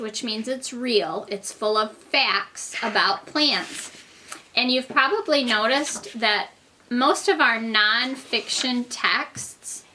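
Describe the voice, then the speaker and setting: Bright-voiced woman teaching kindergarten reading. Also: fairly high pitch, slight background noise. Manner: patient, simple teacherly explaining as if to small children. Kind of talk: reading lesson for young children, explaining simply.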